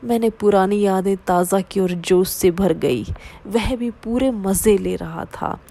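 A woman reading a first-person story aloud in a steady, low-key way. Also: measured pace. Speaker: narrator.

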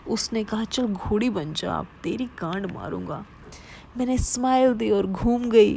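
Woman narrating with a creaky voice. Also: mid-range voice, mellow, slight background noise. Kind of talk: first-person story narration.

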